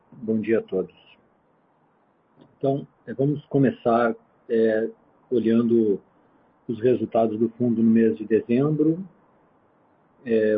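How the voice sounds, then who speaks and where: Through a tinny phone line, a Brazilian man gives a business presentation. His voice is medium-pitched and a little husky, and he delivers figures in a measured, halting way. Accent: Brazilian Portuguese. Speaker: chief investment officer presenting results. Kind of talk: business presentation, semi-spontaneous.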